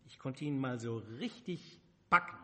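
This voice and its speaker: A man's voice: mid-range voice, animated, unhurried. A man preaching a sermon, retelling a Bible story in the first person with emphatic rhetorical questions. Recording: reverberant hall.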